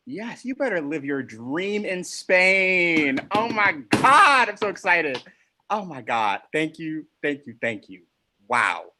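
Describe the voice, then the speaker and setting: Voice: mid-range voice, sing-song, slow pace, pushed and bright, a little hiss or hum. A host of a live online showcase who gushes and exclaims between acts. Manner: effusive, exclamatory, gushing.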